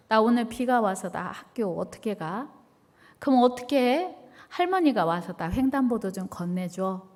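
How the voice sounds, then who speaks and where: A woman pastor telling a story in her sermon, swinging between loud calls and hushed whispers. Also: fairly high pitch. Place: church sanctuary. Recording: long hall reverb.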